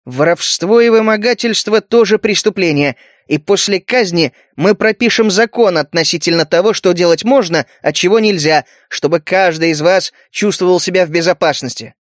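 A man's voice: high-pitched, normal speed, few pauses, no room sound, clean studio sound, natural voice. A man voicing a stern male leader addressing a crowd in an audiobook, in a commanding way.

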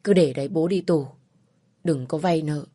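A worn-out working father, his voice choked and insistent, read by a woman narrator. The tone is low, dark and husky, with a dry close sound and faint music underneath. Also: moderate pace. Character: weary, choked-up laboring father.

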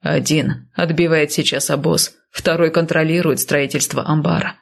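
A woman voicing a gruff, irritated male comrade in whispered role-play. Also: sits low, steady tone, normal speed, voice pushed down.

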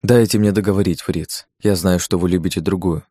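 A man's voice: sits low, steady tone, fairly quick, dark tone, husky, no room sound, clean studio sound. A man voicing a tender, easily frightened young woman in an audiobook, with a pleading, tremulous delivery.

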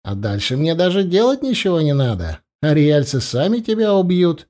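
A man playing a cunning, menacing young ruler who talks with mocking gentleness. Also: a little high, huge pitch swings, normal speed, voice pushed up. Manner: coaxing, mockingly gentle, threatening.

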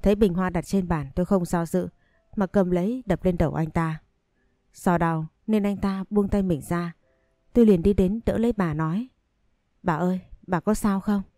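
A woman narrating a dramatic first-person story in a steady scripted reading. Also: fairly low pitch, normal speed, dry recording, clean studio sound, soft background music.

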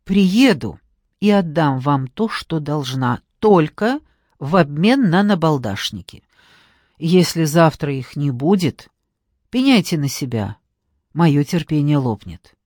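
A woman's voice: deep voice, very animated, slow, a little mellow, dry recording, studio quality, heavily acted. A woman reading an audiobook, voicing a stern middle-aged woman who talks in an indignant, curt, commanding way.

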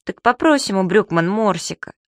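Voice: medium pitch, expressive, normal speed, no room sound, clean studio sound, voice pushed up, natural voice. Subastik, a reader doing a chirpy magic imp. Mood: teasing. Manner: chirpy, wheedling, pestering. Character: cheeky childlike male magic creature, gluttonous.

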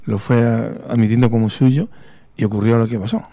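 A man with a Spanish accent hosting a radio talk show, measured and earnest. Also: medium pitch, steady tone, dark tone, dry recording. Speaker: radio host. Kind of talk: radio conversation.

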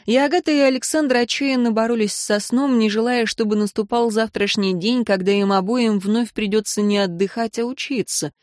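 A woman's voice: fairly high pitch, dry recording. Woman narrating an audiobook, dry sound. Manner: measured, even storytelling.

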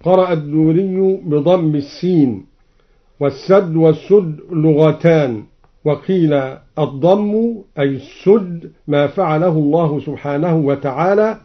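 A man from Egypt explains variant readings of scripture in a measured, precise way and chants each example slowly, heard on an old radio recording. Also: a little high, dull audio. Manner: measured, precise, switching between plain explanation and slow chanting. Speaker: Quran reciter and teacher.

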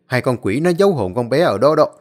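A man playing a stern old exorcist who gives gruff, commanding orders. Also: medium pitch, animated, quick pace, a little mellow, close to an everyday voice. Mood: calm. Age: older. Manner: commanding, scolding.

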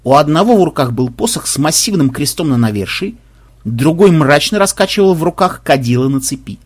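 A man narrating an audiobook with expressive, animated delivery. His pitch ranges widely, and the voice is husky and breathy. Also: a little fast. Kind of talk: audiobook reading.

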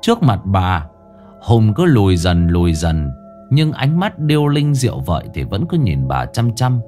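A man's voice: lowish voice, sing-song, moderate pace, dark tone, faint music behind. A man narrating a ghost story with dramatic, swinging delivery.

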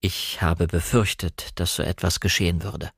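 A man reading an audiobook, voicing a cautious, reserved gentleman who speaks slowly and gravely, his voice deep and slightly husky. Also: fairly even intonation, dry recording, clean studio sound, full character voice. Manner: slow, measured, grave.

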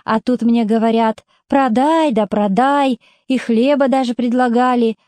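A woman's voice: a little high, fairly even intonation, measured pace, mellow, no echo, natural voice. A woman voicing a plainspoken working-class mother, blunt, stubborn and speaking in homely folk speech, in a storybook reading. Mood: plain.

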